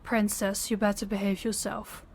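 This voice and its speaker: In an audio roleplay, a woman voices a young princess who is stern, authoritative, compassionate and defiant. Her mid-range voice is slightly rough with little pitch movement, and her stern, commanding mood comes through formal, measured, principled diction.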